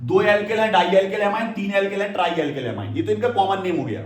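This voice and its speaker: Male chemistry teacher, classroom lecture, keeps checking "clear?", high voice in a roomy hall. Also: quick pace. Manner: repeats key terms and checks understanding with "clear?"; addresses students fondly as "beta". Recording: echoey room, voice from a distance.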